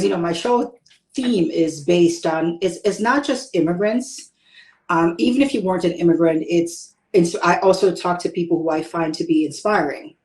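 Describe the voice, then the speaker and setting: A woman with a fairly low voice hosts her own interview show, and the recording has a roomy sound. She chats casually and meanders, frequently restarting her sentences.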